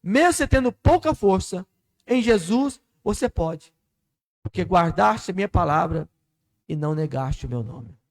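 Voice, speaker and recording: Male pastor, Minas Gerais accent, high tenor, fervent church sermon with swells of volume. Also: animated, measured pace. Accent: Brazilian Portuguese, Minas Gerais. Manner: fervent preaching that rises and drops in volume.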